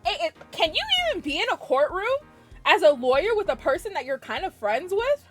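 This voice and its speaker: A young woman streaming a video game, giggly and excitable as she reacts and comments. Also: very high voice, a little fast, faint music behind. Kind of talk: let's play commentary.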